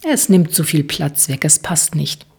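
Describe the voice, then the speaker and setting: A woman voicing a relaxed, slightly evasive middle-aged man in an audiobook, in a breathy, husky voice. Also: sits low, measured pace, heavily acted. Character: man in his fifties, evasive, easygoing tango dancer.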